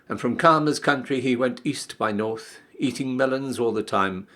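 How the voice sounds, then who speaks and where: Slow, highly animated male storyteller. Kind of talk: theatrical storybook narration.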